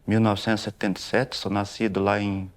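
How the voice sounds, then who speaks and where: A man in his forties from southern Brazil giving a calm, plain museum testimony. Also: on the low side, quick pace, gravelly. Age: 40s. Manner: plain, calm, with tag questions. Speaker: interviewee.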